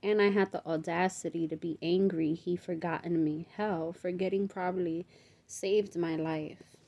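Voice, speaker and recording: A woman's voice: lowish voice, fairly even intonation, normal speed, creaky, warm tone, slight background noise. Woman reading as a betrayed, bitter wife. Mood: upset. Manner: bitter, sarcastic.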